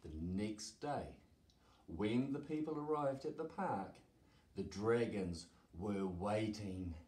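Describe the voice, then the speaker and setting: A man reading a children's picture book aloud with a playful expressive manner, in a roomy echo. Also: lowish voice, takes it slowly. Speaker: storyteller.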